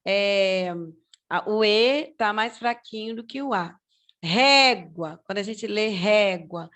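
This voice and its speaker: A woman's voice: mid-range voice, a bit bright. A woman with a Brazilian Portuguese accent teaching a grammar lesson, explaining step by step and checking in with her listeners. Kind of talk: slow, patient grammar lesson.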